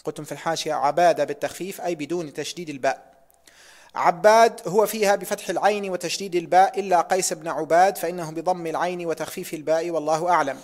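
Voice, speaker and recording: A man's voice: a little high, quick pace. A man reading a hadith text aloud in a lesson, careful and precise, closing sections with pious formulas.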